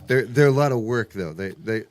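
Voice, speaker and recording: This radio show host speaks briskly in a medium-pitched voice, meandering through anecdotes in an easygoing, talkative way from the studio.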